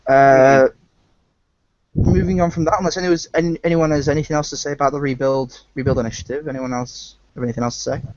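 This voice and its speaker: A man's voice: medium pitch, steady tone, fast, a little mellow, dry recording, lo-fi sound. A man hosting a podcast in loose, casual chat, swearing freely now and then. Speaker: podcast host.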